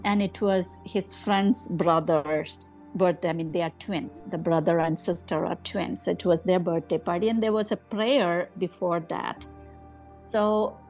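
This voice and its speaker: A middle-aged woman, a grieving mother who recalls a family weekend in a halting, soft way. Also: fairly low pitch, low-quality recording. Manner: halting, soft, acts out remembered dialogue. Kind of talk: personal recollection.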